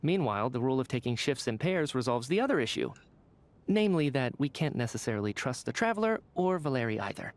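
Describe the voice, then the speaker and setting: A wry, probing gentleman. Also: medium pitch, very animated. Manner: wry, quick, slightly mocking. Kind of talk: video game voice acting.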